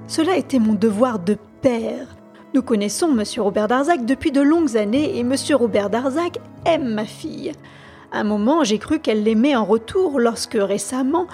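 Woman doing a dignified old professor, formal and measured, slightly high voice, soft music under it. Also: close to an everyday voice. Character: elderly male professor, grave and grieving. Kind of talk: audiobook reading.

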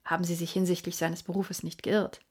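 Reading in a fairly low pitch, a woman voices a male detective in an audiobook, making him calm, keen, and husky. His speech is measured and questioning, at times quiet and hushed.

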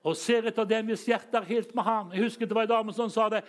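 A man preaching a charismatic sermon, telling stories and bursting into shouted hallelujahs. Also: high voice, steady tone. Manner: storytelling that swings up into shouted hallelujahs, chuckles.

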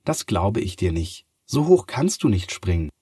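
A man's voice: lowish voice, very animated, moderate pace, warm tone, slightly rough, no echo, clean studio sound. A man voicing a sleepless, stubborn young girl in a bedtime story, asking doubtful questions.

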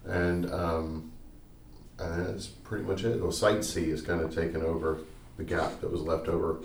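A man's voice: low-pitched, flat delivery, normal speed, vocal fry. A man, co-hosting a podcast in casual chat and rambling through local history. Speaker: podcast co-host. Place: small study room. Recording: echoey room, mic at a distance, faint noise.

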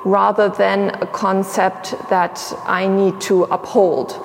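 A young woman curator talks in a measured, thoughtful way, with frequent pauses and a gravelly edge to her voice. She speaks inside a large exhibition hall, and her words trail off into a long reverb. A faint hum of ambience sits behind her. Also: mid-range voice, flat delivery. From grew up in Sierra Leone and Tanzania. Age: young adult. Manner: reflective, measured, many fillers and pauses. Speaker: museum curator, guest. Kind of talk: thoughtful interview conversation. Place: exhibition space indoors.

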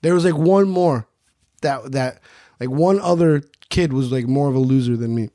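A man's voice: medium pitch, normal speed, mellow, dry recording, studio quality. A man from Queens, New York, hosting a podcast and telling a childhood story in a profane, self-mocking comic way. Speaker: podcast host. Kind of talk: comedic storytelling.

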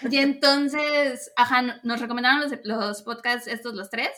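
A woman's voice: on the high side, fairly even intonation, moderate pace, bright, forceful tone. A woman in a casual podcast chat, telling things informally and often close to laughter. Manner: giggly, prone to laughing while talking.

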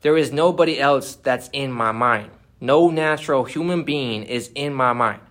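A man as a guest in a casual discussion, calmly explaining his ideas step by step. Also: mid-range voice, normal speed.

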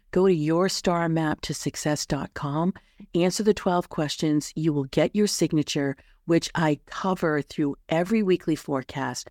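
A woman's voice: on the low side, mellow, no echo, studio quality. A woman hosting a solo advice podcast in an upbeat, tidy, encouraging manner, like a coach reading prepared tips. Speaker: astrology coach and podcast host.

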